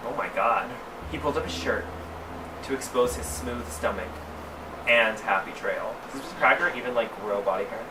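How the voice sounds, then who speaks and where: A man with a sassy drag queen delivery, reading fan fiction aloud comedically, with theatrical drawn-out emphasis and mock-scandalized asides. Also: medium pitch. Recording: roomy, distant mic, clearly noisy background.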